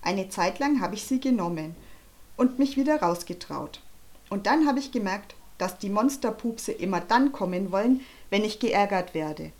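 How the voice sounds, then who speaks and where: A woman's voice: medium pitch, animated, moderate pace, a little mellow, natural voice. A woman reading an audiobook, voicing a cheeky, confident young girl who talks boldly and boastfully. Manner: bold, bubbly, boastful. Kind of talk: audiobook character voice.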